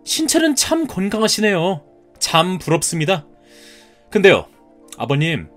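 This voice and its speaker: A man's voice: sits high, wildly swooping pitch, a little slow, a bit bright, faint music behind, heavily acted. A man voicing a polite but defiant groom. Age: 30s. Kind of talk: cartoon story dub.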